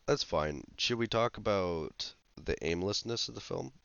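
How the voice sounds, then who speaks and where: A man's voice: lowish voice, measured pace, gravelly, a bit bright, smooth, dry recording, lo-fi sound. A man co-hosting a podcast, chatting casually about a film in a hesitant, critical way with many fillers. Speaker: podcast co-host. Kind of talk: casual film review chat.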